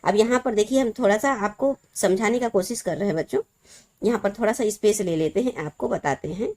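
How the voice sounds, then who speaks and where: A woman teacher giving a lesson to students, explaining a memory trick and slowly repeating the key words. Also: mid-range voice, a little mellow.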